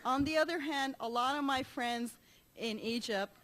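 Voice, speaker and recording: High-voiced animated woman giving a talk. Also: normal speed. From Turkey. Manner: animated storyteller with frequent laughs and restarts. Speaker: conference speaker. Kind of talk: conference talk.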